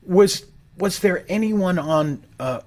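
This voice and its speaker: An enthusiastic man hosts a casual podcast interview, his voice sitting a little higher than most men's. His questions ramble as he searches for the words. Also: animated, slow pace, a little mellow. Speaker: podcast host.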